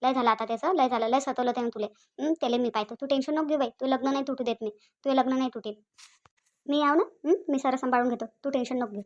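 A woman's voice: sits high, lo-fi sound, lightly acted. Woman doing a bossy old village aunt. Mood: reassuring. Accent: Vidarbha Marathi. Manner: scolding, reassuring, drawn-out rural chatter. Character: bossy elderly village aunt, protective and fussy. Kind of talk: cartoon voice acting.

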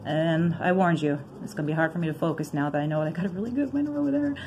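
Giggly excitable woman chatting. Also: deep voice, rapid-fire, slight background noise. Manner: thinks aloud while reading out numbers. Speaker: vlogger scratching lottery tickets. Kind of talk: casual chatty commentary.

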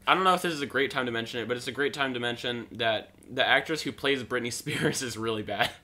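Young male co-host, bright voice, sarcastic rambling movie recap. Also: mid-range voice, quick pace. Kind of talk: casual chat.

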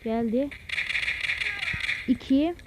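A young man hosting a mobile gaming channel, giving excitable, casual commentary while he plays and talks to his viewers. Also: very high-pitched, extremely slow, highs cut off, heavy background noise. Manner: excitable, keeps urging "vur vur" at enemies and talking to viewers. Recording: loud game sound effects behind the voice.

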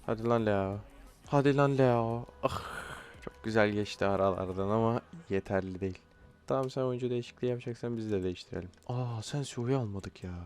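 A man's voice: lowish voice, fairly even intonation, fast, a little mellow. A young man giving casual live commentary while playing a football video game, often frustrated and blurting out complaints at his players. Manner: frustrated outbursts, swearing at players. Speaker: gaming YouTuber.

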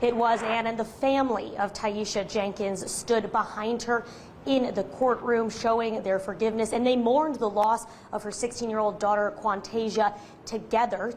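A woman's voice: medium pitch, a little hiss or hum. Young woman, field reporter, scripted news report, handheld mic, faint outdoor ambience. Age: 20s. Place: outdoors by a city courthouse. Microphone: handheld microphone.

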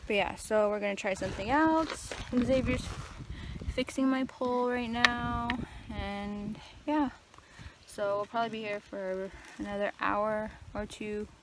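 Slow-talking young woman vlogging outdoors. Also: mid-range voice, fairly even intonation, background noise. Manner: chatty, addresses viewers directly. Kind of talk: casual vlog to camera. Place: outdoors by a lake.

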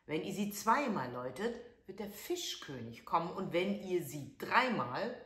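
A woman voicing a poor old woman who is secretly a fairy, high-pitched and pleading, in a roomy recording. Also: sing-song, unhurried, fairly bright tone. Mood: solemn. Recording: echoey room.

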